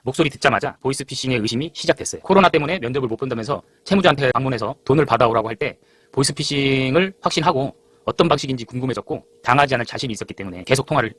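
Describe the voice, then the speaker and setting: Fast-talking man narrating, dry sound. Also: medium pitch, fairly bright tone, dry recording. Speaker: narrator, video creator. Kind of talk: explanatory voice-over narration.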